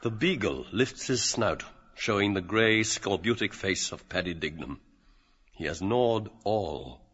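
Deep-voiced man reading aloud. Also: animated, a bit bright, slightly rough. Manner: measured, dramatic. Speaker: narrator. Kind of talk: audiobook reading of a novel. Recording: dull lo-fi recording with faint noise.

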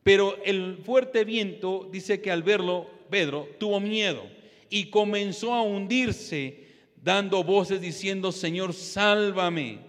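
High-voiced fervent male preacher. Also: slow pace. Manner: fervent, exhorting, addresses listeners as brother again and again. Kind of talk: sermon. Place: church. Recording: long hall reverb.

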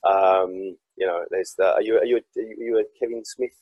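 A man chats as a podcast guest, his speech rushing along at a brisk clip. His voice is deeply husky and sits a little low. The sound is close and dry, and he tells his stories with animated self-deprecation. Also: no echo, poor audio. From South East England. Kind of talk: casual podcast chat.

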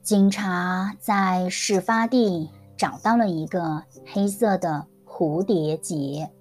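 A woman teacher narrating a scripted story for language learners, enunciating every word very carefully and deliberately. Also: fairly low pitch, darkish tone, husky. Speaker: Mandarin teacher.

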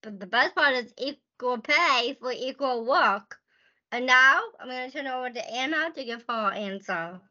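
A woman's voice: sits high, animated, normal speed, bright, forceful tone. A woman guest on an advocacy podcast, answering questions earnestly and restarting phrases as she goes. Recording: dull lo-fi sound.

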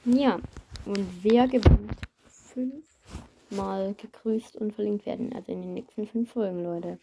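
A woman's voice: medium pitch, fairly even intonation, unhurried, vocal fry, noisy background. A woman hosting a casual giveaway results video, chatting informally to viewers as she reads out and reacts. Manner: informal, chatty, reading comments aloud and reacting. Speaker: video host.

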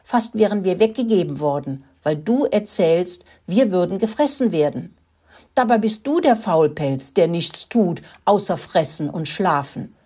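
A woman's voice: lowish voice, expressive, measured pace, mellow, slightly rough. A woman voicing an indignant female pony in a children's story, snorting and scolding.

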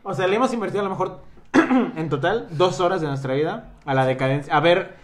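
A man in a relaxed casual chat, often trailing off into quiet asides. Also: high-pitched, brisk.

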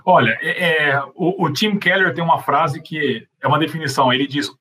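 A Brazilian man with a fairly high, somewhat raspy voice speaks as a panelist on faith. He teaches conversationally, explaining his points step by step with everyday examples. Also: moderate pace, bright, forceful tone. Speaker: panelist answering questions on faith.

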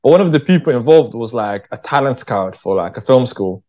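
Expressive and fairly quick, this British man's mid-range voice carries casual conversational storytelling; he is an English writer-director appearing as an interview guest. His manner is candid and slangy, and the audio sounds dull and lo-fi.

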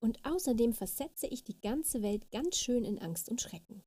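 A woman voicing a naughty little fairy girl in a storybook reading, with high wailing cries. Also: expressive, moderate pace, dark tone, breathy edge. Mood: cheeky. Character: naughty little female fairy child, cheeky.

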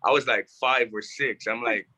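A man's voice: mid-range voice, moderate pace, slightly rough, low-quality recording. A man from Jamaica, a music producer, telling stories with animation in casual conversation from a rehearsal building. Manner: animated storytelling.

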